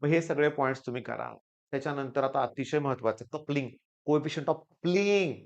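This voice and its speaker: A hoarse man with a Marathi accent runs through exam physics problems, repeating key points and coaxing his students along. His voice stays smooth and resonant despite the sore throat. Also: fairly high pitch, moderate pace, lo-fi sound. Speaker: physics teacher. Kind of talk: exam-prep lecture.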